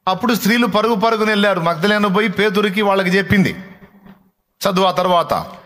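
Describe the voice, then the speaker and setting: A man preaches a sermon with a voice pitched a little higher than most men's. He retells the story in plain, everyday language, raising his voice for vivid moments and sinking to soft, hushed tones elsewhere. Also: fast. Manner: colloquial, dramatic storytelling that drops to soft, hushed passages.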